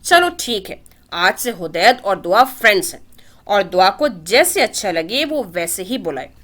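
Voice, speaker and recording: Playful young male pilot, voiced by a woman, affectionate, bright tone. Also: fairly high pitch, very animated, moderate pace. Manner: teasing, affectionate.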